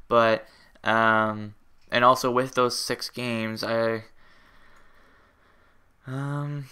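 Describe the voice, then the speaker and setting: Rambling young man, bright clear voice. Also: medium pitch. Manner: rambling, hesitant, many fillers and restarts. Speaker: gaming channel host. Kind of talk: casual channel update. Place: at home.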